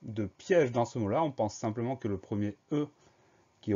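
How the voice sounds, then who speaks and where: A man's voice: medium pitch, moderate pace, mellow, dull audio. A man teaching a spelling lesson, explaining each word patiently and spelling it out letter by letter.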